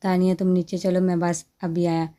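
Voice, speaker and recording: A caring, regretful man from a romance novel, read aloud by a woman. The voice sits low and mellow, kept gentle and even, as in a storybook reading. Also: lightly acted. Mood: calm. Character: male businessman, caring and regretful.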